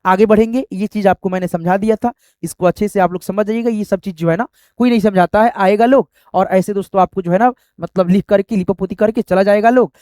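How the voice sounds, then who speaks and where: A man's voice: high voice, steady tone, quick pace, few pauses, a little mellow, no echo. Guy teaching a lesson, keeps saying okay, friends, dry sound. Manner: repetitive, often says "friends" and "okay". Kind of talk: explaining a language lesson.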